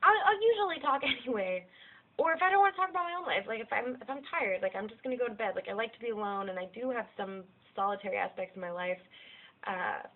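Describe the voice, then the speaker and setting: A woman's voice: fairly high pitch, fast. Young american woman rambling candidly at her cam, swears a lot, tinny lo-fi sound. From United States. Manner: candid and rambling, swears freely, self-deprecating laughs. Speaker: vlogger. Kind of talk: casual personal vlog monologue. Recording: tinny lo-fi narrow-band audio.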